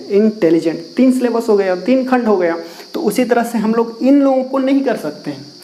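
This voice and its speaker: A man's voice: very high voice, mellow, rough recording. A man teaching English grammar to a class, asking questions and repeating the key words as he explains. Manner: writes and erases on a board while explaining. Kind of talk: classroom lesson explained in Hindi.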